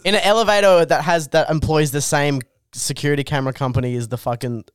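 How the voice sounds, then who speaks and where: A man's voice: on the high side, steady tone, fast talker, smooth, no room sound, studio quality. An Australian man in casual comic banter, with laddish slang, frequent swearing and a habit of saying dude.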